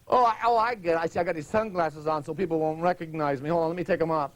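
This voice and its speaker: A comedian in a comic interview, rambling in a paranoid, defensive way. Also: male voice, on the high side, racing.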